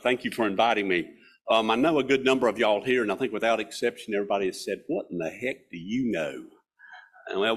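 A man in his sixties with a Southern mountain Appalachian accent, giving a folksy, self-deprecating, informal club speech in a husky voice. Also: lowish voice. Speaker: guest speaker. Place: hall stage at a podium. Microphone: podium microphone.

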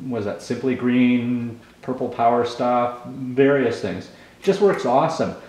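Forties guy, casual tool-vlog host, mumbles through gum, lots of ums, mid-pitched, very echoey room. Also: a little mellow. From Canada. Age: 40s. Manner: rambling, lots of ums and restarts. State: chewing gum, slightly mumbled. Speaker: channel host.

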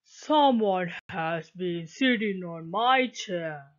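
A woman voicing a big, gruff papa bear in a children's story, speaking slowly and heavily. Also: on the low side, expressive, highs cut off, voice pushed down. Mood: grumbling.

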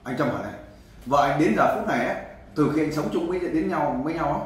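A man interviewing a husband, pressing him with brisk, probing questions. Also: fairly high pitch. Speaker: interviewer, volunteer helper. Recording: very echoey room.

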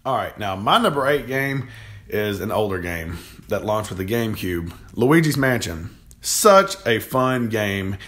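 A man's voice: fairly low pitch, lively intonation, unhurried, fairly bright tone. A young man co-hosting a casual gaming chat, rambling and enthusiastic, often repeating his words. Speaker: co-host of a gaming channel. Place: home room, games on the shelf behind. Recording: echoey room.

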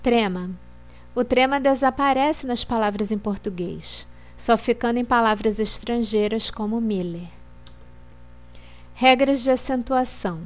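A woman reading a scripted Portuguese lesson on accent marks in a slow, measured, list-like way. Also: fairly high pitch. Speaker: Portuguese teacher.

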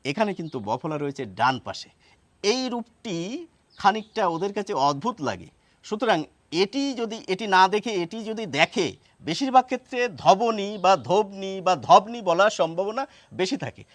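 A man teaching a lesson, explaining step by step and repeating words slowly to show how they sound. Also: high-pitched, animated, no room sound. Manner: explains step by step, asks rhetorical questions.

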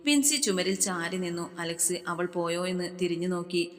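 A woman's voice: lowish voice, lively intonation, normal speed. Woman narrating with long room echo. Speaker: story narrator. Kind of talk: scripted narration of a romance novel.

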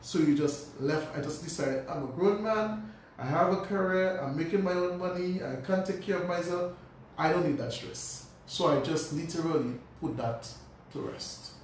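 A man's voice: fairly high pitch, normal speed, distant mic. Man telling a story in an echoey room. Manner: animated storyteller, frequent restarts and repeated words. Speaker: guest, pharmacist. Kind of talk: personal storytelling in a radio interview. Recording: very echoey room, voice from off-mic, faint noise.

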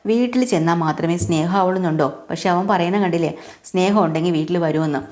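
A woman's voice: lowish voice, quick pace, darkish tone, natural voice. A woman voicing a sensible young woman who defends herself with patient reasoning. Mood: defensive.

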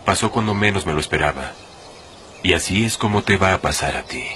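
A cold gangster out for revenge in a screen drama. His voice is deep and tense, controlled and menacing, over faint noise. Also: lively intonation, a little fast, sharp tone. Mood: cold menace. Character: cold, vengeful male gangster threatening a rival. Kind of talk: film drama acting.

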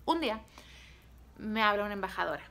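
A woman's voice: medium pitch, fairly quick, a little hiss or hum. A woman with a Mexican accent, a sales team leader, telling a motivational story to her viewers in short, punchy phrases. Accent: Mexican Spanish. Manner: animated, acts out dialogue, punchy short phrases.

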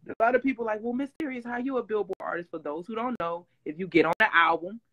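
A former reality-show singer from Detroit, a woman with a rough voice, is an interview guest in a casual video-call chat from a home room with a green wall backdrop. She tells stories animatedly, with loud swings and laughter, in a medium-pitched voice at a fast pace. The audio quality is poor.

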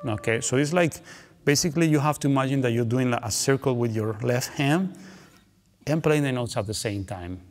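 A guitar teacher, a man with a medium-pitched voice, talks through technique in a relaxed, chatty way at a moderate pace, often closing phrases with "you know" or "okay." He sits in a dark studio with the guitar on his lap, playing between explanations. The recording carries long reverb.

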